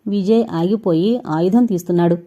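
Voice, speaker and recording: A woman narrating a suspense audio novel with steady, suspense-building storytelling. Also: lowish voice, normal speed. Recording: dull lo-fi recording.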